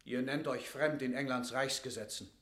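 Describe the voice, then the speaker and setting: An actor playing a stern, unyielding English lord in a classical radio drama, declaiming formal accusations with severity. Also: male voice, mid-range voice, steady tone, normal speed, a bit bright, close to an everyday voice. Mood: stern, accusing. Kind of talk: classical German stage drama radio acting. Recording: roomy, reverberant radio play studio.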